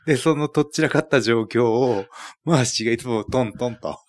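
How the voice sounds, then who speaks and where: A man's voice: mid-range voice, a little fast. A man hosting a podcast, chatting casually and joking, with lots of fillers. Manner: chatty, jokey, many fillers. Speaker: podcast host.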